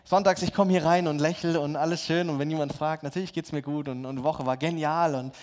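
A man's voice: on the high side, fairly even intonation, fast talker, darkish tone. A middle-aged man from Germany preaching a sermon, telling stories and acting out conversations with God. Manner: storytelling, acts out dialogue with God in shifting voices. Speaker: pastor.

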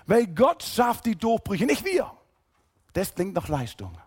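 A man preaching a sermon, emphatic, rising to loud calls and then dropping low and quiet. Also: wildly swooping pitch, a little slow, slightly rough. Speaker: pastor.

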